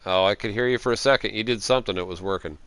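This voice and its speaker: A man chats loosely on a live game stream, trailing off and filling gaps with "uh" as he troubleshoots. His voice sits low and sounds smooth and clear. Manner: relaxed, halting with fillers while troubleshooting. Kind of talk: casual live-stream chat.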